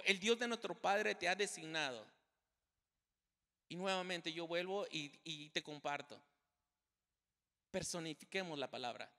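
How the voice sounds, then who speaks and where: A man's voice: high voice, sharp tone. A male pastor preaching a sermon to his congregation, emphatic and repeating key phrases as he speaks to them directly. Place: church sanctuary. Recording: long church hall reverb.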